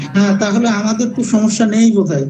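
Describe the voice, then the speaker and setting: A man's voice: high voice, fast talker, crowd noise. A man teaching an online class, his voice coming through a video call that keeps cutting in and out. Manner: patient, asks students questions. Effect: choppy audio from an unstable online class call, cutting in and out. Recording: dull lo-fi call audio in an echoey room.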